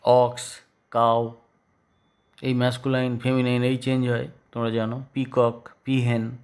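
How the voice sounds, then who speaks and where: A man with a Bengali accent teaches an English grammar lesson in a measured, unhurried way. He pauses often, repeats key words and checks that his pupils follow along. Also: medium pitch, completely flat delivery, a little mellow. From West Bengal, India.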